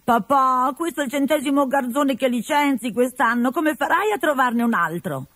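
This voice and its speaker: A man's voice: expressive, moderate pace, pushed and bright, dry recording, full character voice. A man voicing a pretty young woman who teases and mocks. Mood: reproachful. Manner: teasing, high-pitched.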